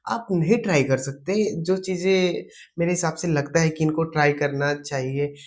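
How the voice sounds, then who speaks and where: A man's voice: fairly high pitch, moderate pace. A man giving casual reaction commentary over a video clip, chatty and mocking, often laughing. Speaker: meme reaction channel host.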